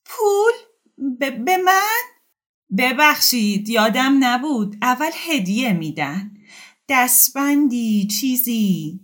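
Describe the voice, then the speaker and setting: A woman voicing a tearful young woman who pleads in a high, shaky voice. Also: close to an everyday voice. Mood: tearful, pleading.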